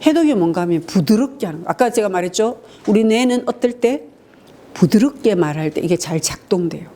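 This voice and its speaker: A middle-aged woman giving a lively lecture in a hall, acting out couples' quarrels in mock voices and dotting her talk with short affirmations. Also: mid-range voice, fairly quick. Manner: acts out quarrels in mock voices, frequent "예" fillers.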